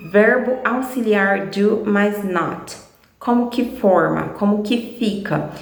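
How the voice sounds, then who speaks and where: A woman's voice: medium pitch, reverberant. A woman teaching English online in a chatty way, repeating examples and speaking straight to her viewers. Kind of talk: casual online lesson.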